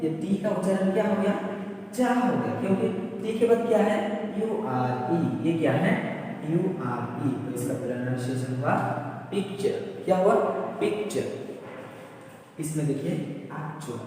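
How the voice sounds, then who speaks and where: A man teaching an English pronunciation lesson in a classroom style. He asks questions and answers them himself, repeating words slowly. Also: a little high, animated, darkish tone. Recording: echoey room, voice from a distance, faint ambient noise.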